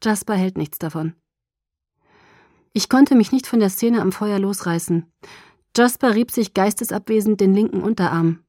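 A woman reading a first-person audiobook in a measured, low-key storytelling manner. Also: mellow, no room sound, studio quality. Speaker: audiobook narrator.

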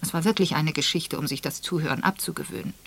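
A woman's voice: low-pitched, fast talker, gravelly. A woman voicing a young secretary who speaks in a raised, hesitant, apologetic way.

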